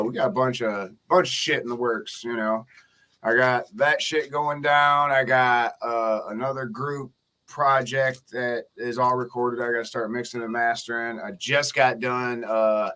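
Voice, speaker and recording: Laid-back slangy hip-hop guest. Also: male voice, mid-range voice, pushed and bright. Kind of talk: casual podcast chat.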